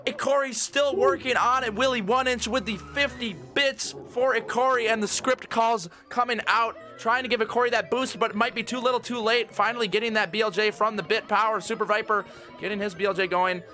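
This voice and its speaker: A man's voice: extremely high pitch, steady tone, fairly quick, sharp tone, faint music behind. A young man doing casual, jokey play-by-play commentary on a video game race. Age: young adult.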